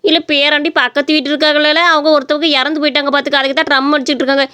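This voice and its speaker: A woman's voice: sits high, flat delivery, very fast, sharp tone. A woman playing a nagging cartoon grandmother. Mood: coaxing. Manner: scolding, nagging. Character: grumpy older woman, a grandmother. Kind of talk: cartoon voice acting.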